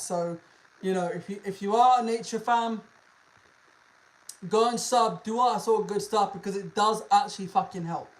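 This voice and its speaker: A content creator talks casually to a livestream audience at a middling pitch. The delivery is informal and full of slang and swearing, with phrases often repeated. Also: poor audio.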